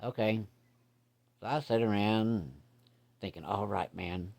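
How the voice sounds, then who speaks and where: A man's voice: on the low side, takes it slowly, gravelly, darkish tone. Folksy middle-aged man telling a tale. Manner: folksy, plainspoken, rural dialect grammar. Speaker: storyteller. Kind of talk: casual spoken storytelling.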